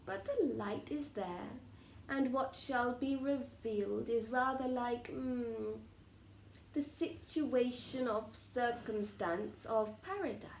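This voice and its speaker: A woman speaks as a channelling medium in a seance, solemn and formal. Her voice sits a little high and moves very slowly, with deliberate pauses. The room adds clear echo around her oracular phrasing. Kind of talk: trance channelling, like a seance medium delivering spiritual messages. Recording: roomy echo with faint background noise.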